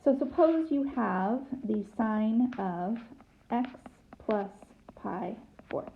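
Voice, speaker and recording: A woman's voice: on the high side, animated, takes it slowly, narrow, tinny audio, a little hiss or hum. A woman math teacher recording a whiteboard lesson, chanting formulas out in rhythm with dry, teasing asides. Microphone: tablet mic.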